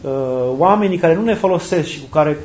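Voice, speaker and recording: Earnest priest preaching in a roomy space. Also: male voice, high voice, a little mellow. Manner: earnest, repeats key phrases for emphasis. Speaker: Orthodox priest. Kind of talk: sermon. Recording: roomy, dull lo-fi recording.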